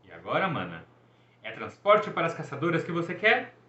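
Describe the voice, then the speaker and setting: A man's voice: wildly swooping pitch, brisk, sharp tone, heavily acted. A man voicing a cocky, boastful young male sun god in a showy, teasing manner. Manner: showy, teasing, high-spirited. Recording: echoey, dull room recording.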